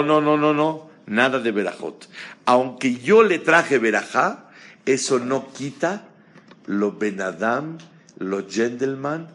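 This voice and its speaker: A man giving a Torah class, animated, asking the audience questions and mixing Hebrew terms into his speech. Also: mid-range voice, slight background noise. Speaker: rabbi teaching a class.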